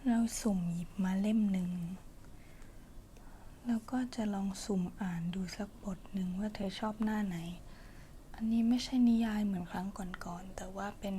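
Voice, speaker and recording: A woman voicing a caring girlfriend in an ASMR role-play, soft breathy pillow talk, as if reading her partner to sleep. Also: mid-range voice, steady tone, normal speed, slight background noise, close to an everyday voice. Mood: soothing, tender.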